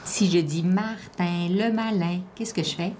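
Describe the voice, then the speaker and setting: A woman teacher with a Québécois French accent, slowly and patiently prompting a child through a one-on-one reading assessment. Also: fairly low pitch, fairly even intonation, darkish tone. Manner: slow, patient, drawn-out word-by-word prompting. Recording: faint background noise.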